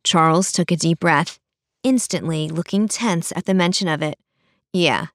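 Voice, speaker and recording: A woman reading a story aloud in steady audiobook narration, voicing the characters lightly. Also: lowish voice, normal speed, no room sound.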